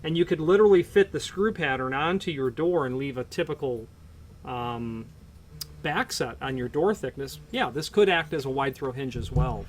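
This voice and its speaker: A man's voice: mid-range voice, moderate pace, a little hiss or hum. A man explaining door hardware off the cuff, talking in loose, restarting sentences full of fillers. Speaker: hardware product presenter. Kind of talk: unscripted product explanation.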